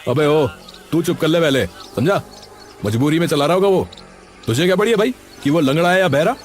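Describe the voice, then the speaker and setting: A man voicing a poor rickshaw puller, a gruff and devoted father, in an animated story. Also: a little high, brisk, faint music behind. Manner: gruff, protective, stubborn.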